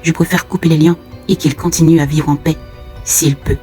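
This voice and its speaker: A heartbroken young wife from a spoken tale, as the narrator puts her on. She speaks with bitter, pleading weight at an ordinary pitch. A soft musical bed runs behind. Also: steady tone, moderate pace, faint music behind, lightly acted. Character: wronged, despairing young wife and mother.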